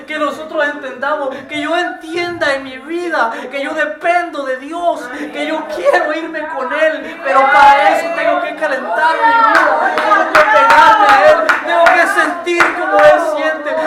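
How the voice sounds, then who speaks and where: A man's voice: very high voice, recorded from a distance. Man preaching in an echoey church. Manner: swings from hushed pleading to shouted exhortation. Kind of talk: Spanish-language church sermon. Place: church sanctuary with congregation. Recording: echoey church recorded from afar.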